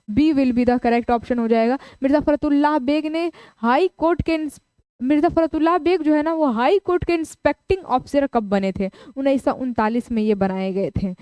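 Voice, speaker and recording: A woman teaching a live online exam-prep class, who briskly reads out the options, repeats the answers aloud and urges her students to reply in the chat. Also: high voice, a little mellow, no room sound.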